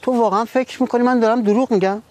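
A man's voice: very high voice, fairly even intonation, a little mellow, no room sound. An actor playing a stern, authoritative older father who speaks in a firm, reproachful way. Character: stern, authoritative family patriarch.

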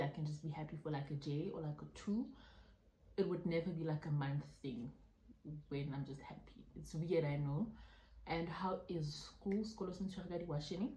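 A woman's voice: deep voice, moderate pace, dark tone, roomy sound, poor audio. A South African woman in her twenties chatting casually through a Q&A while eating, laughing often and mixing local phrases into her talk. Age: 20s. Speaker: YouTuber. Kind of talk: casual mukbang Q&A chat. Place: indoor room at home.

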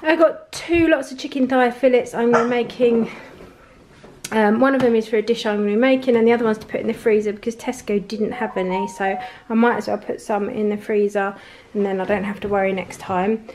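A woman with a fairly high, chatty voice goes through her shopping item by item, dropping in prices and fillers as she goes. She is recorded on a handheld phone camera at a kitchen table indoors. A faint hiss of noise sits under the speech. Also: steady tone, a little fast. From England. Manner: chatty, lists items and prices with many ums and likes. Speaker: family vlogger. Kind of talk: casual grocery haul chat.

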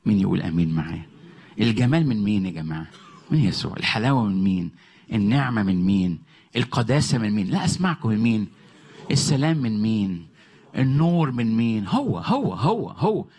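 A man's voice: on the low side, big pitch swings, fast, slightly rough. A man with an Egyptian accent, a pastor preaching a sermon in a church, calling out questions to the congregation and rising to impassioned peaks. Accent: Egyptian Arabic. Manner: call-and-response, rising to impassioned shouting. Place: church hall.

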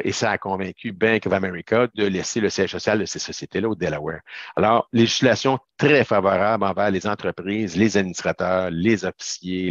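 A man's voice: lowish voice, no echo, dull audio. A man from Quebec with a Québécois accent, giving an emphatic, chatty webinar presentation to business owners over a video call. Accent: Québécois French. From Quebec, Canada. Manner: emphatic, chatty with informal asides. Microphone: video call webcam.

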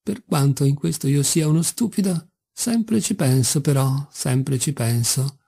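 Man reading a boozy, wicked, sentimental old father; low, husky, rambling and wheedling. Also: measured pace, dark tone, heavily acted. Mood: mocking. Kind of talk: audiobook character reading.

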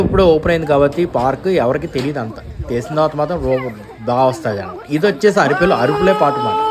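A young man with a Telugu accent, chatting directly to viewers as he vlogs an outdoor amusement park on an action camera. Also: a little high. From India. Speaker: travel vlogger. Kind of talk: casual vlog narration. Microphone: handheld action camera. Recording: noisy outdoor park ambience.

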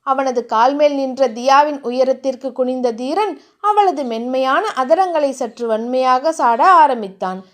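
A woman narrating a romance novel in a steady, even reading voice. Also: high-pitched, a little slow.

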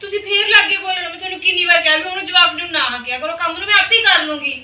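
An actress playing a dutiful young daughter-in-law in a village family drama, gentle and placating. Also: female voice, very high voice, racing, exaggerated voice. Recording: roomy, distant mic.

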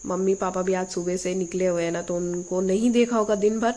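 Young woman, vlog voice-over narrator; mellow, warm, easygoing delivery. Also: lowish voice, fairly quick. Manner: relaxed storytelling, speaks to viewers as "guys". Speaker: vlogger.

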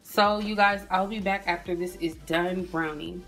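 Chatty woman with a low voice. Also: steady tone, moderate pace, a bit bright, soft background music. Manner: chatty, addresses viewers as "you guys" and "y'all", frequent "um". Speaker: cooking vlogger. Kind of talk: casual cooking tutorial narration. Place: home kitchen, indoors. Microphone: phone camera at the stove.

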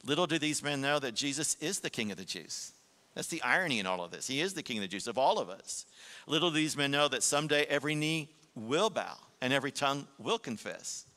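A man preaching a sermon as a pastor, swinging between hushed, slow passages and emphatic, raised ones. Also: mid-range voice. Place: church sanctuary. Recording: long hall reverb.

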